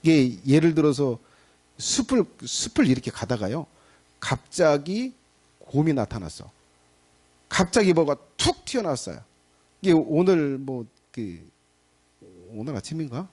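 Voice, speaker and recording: Middle-aged male pastor, chatty and animated preaching, acts out small scenes, voice rising and falling a lot. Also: fairly high pitch, unhurried, pauses often, slightly rough. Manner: animated and conversational, acting out little scenes. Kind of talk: sermon. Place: church sanctuary.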